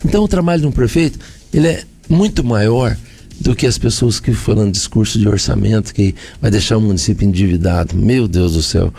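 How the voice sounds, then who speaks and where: A man's voice: fairly low pitch, a little fast, gravelly, warm tone, slightly rough. A man with a Brazilian accent, a mayor answering in a radio interview, explaining and listing points with repeated phrases.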